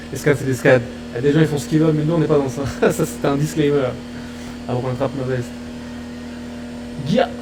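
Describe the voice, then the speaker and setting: A man hosting a reaction video, chatting casually in excitable, slangy banter and repeating his own phrases. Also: mid-range voice, noisy background.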